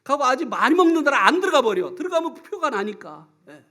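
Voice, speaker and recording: High-pitched, animated man preaching a sermon. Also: fast talker. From South Korea. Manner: animated storytelling, acts out scenes and shouts; asks the congregation for replies often.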